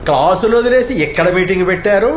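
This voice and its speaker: A man's voice: sits high, expressive, quick pace. A man acting a sarcastic, bossy senior college staffer in a comic film, with a Telugu accent. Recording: roomy film audio, faint noise.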